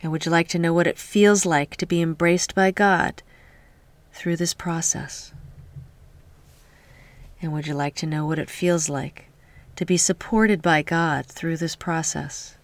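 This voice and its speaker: A woman leading a guided healing meditation in a soft, slow voice that often drops to a whisper, speaking close to the mic. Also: low-pitched, fairly even intonation, dry recording.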